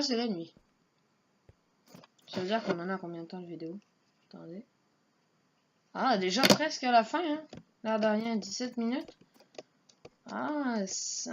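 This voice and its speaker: A woman giving casual, offhand commentary while playing a game, muttering her moves to herself. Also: medium pitch. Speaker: let's play gamer. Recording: dull lo-fi home mic with faint noise.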